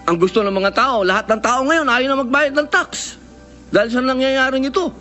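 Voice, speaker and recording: A man's voice: very high-pitched, normal speed, sharp tone, faint music behind. A man speaking as a senator, giving a formal floor speech in a polite, earnest tone full of respectful address.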